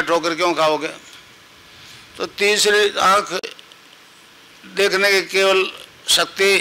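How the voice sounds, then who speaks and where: Older guru, high bright voice. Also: male voice, poor audio. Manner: instructive, repeats mantras, asks listeners if they understood. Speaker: spiritual guru. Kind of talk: spiritual discourse to a gathering.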